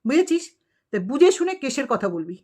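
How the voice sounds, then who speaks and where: A woman's voice: high-pitched, very animated, a little fast, warm tone. A woman vlogger delivering an angry, scolding rant at a rival, full of insults and rhetorical questions.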